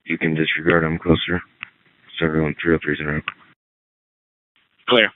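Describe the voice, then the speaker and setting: A man's voice: a bass voice, flat delivery, moderate pace, no echo. A man, a police officer, speaking terse clipped radio codes over a two-way police radio. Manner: clipped, matter-of-fact. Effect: heard over a two-way police radio. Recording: tinny, dry radio transmission.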